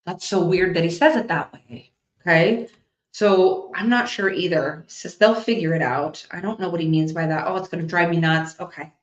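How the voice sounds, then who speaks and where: A woman working as a psychic medium, giving a live reading to an audience and thinking out loud as she passes on messages. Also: fairly low pitch, fairly even intonation, moderate pace. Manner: chatty, thinks out loud while relaying messages. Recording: echoey, slightly dull recording.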